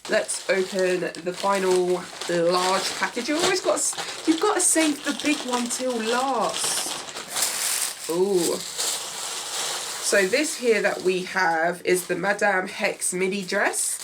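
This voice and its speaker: In a small room, a young woman who vlogs about fashion unboxes and tries on items, describing what she handles in an animated, enthusiastic, casual way. Her voice is nasal and medium-pitched, she speaks slowly, and there's background noise.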